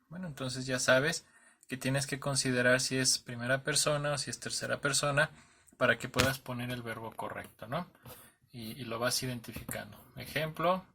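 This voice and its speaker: A man's voice: mid-range voice, sharp tone. A man teaching an English grammar lesson, patiently spelling out letters and often checking in with "¿sale?" and "¿ok?", correcting himself as he goes.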